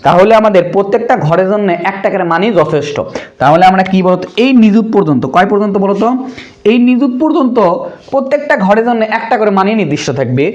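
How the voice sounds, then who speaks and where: A man's voice: sits high, dull audio. A young man teaching a primary school math lesson, asking the pupils questions and answering them himself in a casual, brotherly way. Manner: slows to spell out numbers.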